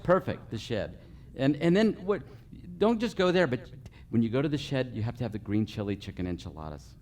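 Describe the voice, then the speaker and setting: A man's voice: medium pitch, big pitch swings, fairly quick, a little mellow. A man giving a live customer service training, working through a numbered list and checking in with the group with frequent okays. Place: meeting room with a live audience.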